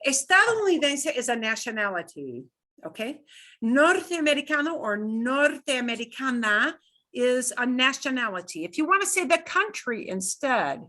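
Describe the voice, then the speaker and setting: A woman teaching a beginner language class, emphatic and instructive, pronouncing foreign words slowly and deliberately in parts and checking in often. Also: on the high side, pushed and bright. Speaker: Spanish teacher.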